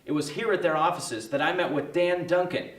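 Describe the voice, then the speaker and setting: A man's voice: on the high side, fairly quick. A man delivering a scripted report as a news reporter. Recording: noisy, very reverberant room.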